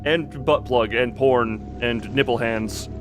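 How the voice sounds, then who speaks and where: A man with a medium-pitched voice speaks slowly, hosting a livestream and chatting casually in an exclamatory, playfully exasperated way. Loud music plays behind him throughout.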